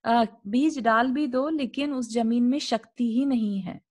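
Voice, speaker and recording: A woman's voice: on the high side, measured pace, a little mellow. A woman teaching a scripture class over a video call. She reads an old religious text aloud, then explains it in simple words and asks the class rhetorical questions.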